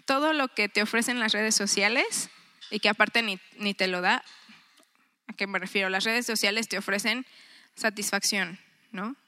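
A woman's voice: medium pitch, normal speed, pushed and bright. A woman in her thirties giving a chatty, earnest devotional talk to a women's group, often acting out her own thoughts. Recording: long reverb.

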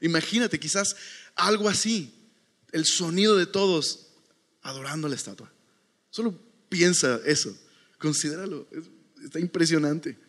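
A man's voice: a little high, normal speed, pauses often, a bit bright. Male preacher, casual and conversational, reads scripture aloud, long hall reverb. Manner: conversational, keeps checking in with ok. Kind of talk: sermon.

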